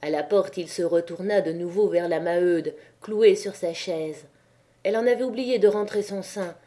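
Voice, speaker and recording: A woman narrating a classic novel as an audiobook in a measured, even reading. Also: lowish voice.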